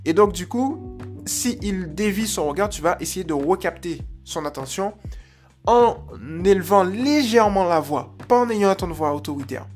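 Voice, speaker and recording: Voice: medium pitch, animated, normal speed, faint music behind. A dog trainer giving a client casual, chatty advice, with many fillers and restarts. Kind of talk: casual spoken coaching advice.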